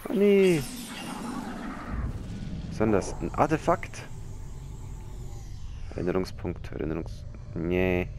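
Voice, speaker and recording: A man giving casual let's-play commentary, excitable and rambling and now and then swearing. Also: low voice, measured pace, long pauses. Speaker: gamer. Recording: noisy game capture.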